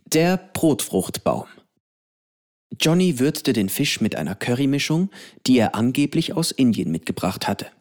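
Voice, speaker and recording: A man reading a children's novel aloud as an audiobook, in a calm, even storytelling manner. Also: mid-range voice, normal speed. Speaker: narrator.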